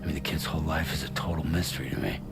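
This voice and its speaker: An actor voicing a weary, brooding male courier hero in video game cutscenes, speaking in a deep gravelly voice with terse, low-key delivery. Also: fairly even intonation, very fast, loud music behind the voice. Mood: grim.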